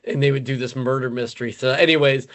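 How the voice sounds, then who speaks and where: A man's voice: medium pitch, fairly even intonation, fast. Chatty man hosting a podcast, full of fillers. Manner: loose and filler-heavy, laughs easily. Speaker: podcast host. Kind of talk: casual film review chat.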